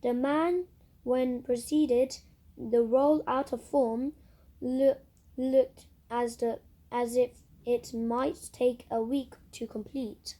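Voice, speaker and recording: A woman reading a storybook aloud to a child, stopping for gentle asides to the listener. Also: a little high, fairly even intonation, slow. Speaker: reader.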